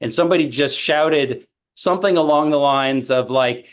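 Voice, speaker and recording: A comedian telling a casual podcast story, animated and acting out the lines of people in it. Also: male voice, a little high, normal speed. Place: podcast studio.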